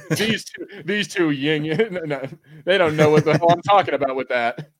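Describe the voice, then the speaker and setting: A podcast co-host with a fairly high, slightly slow voice chats casually through a movie watch party, swearing freely and acting out imagined lines.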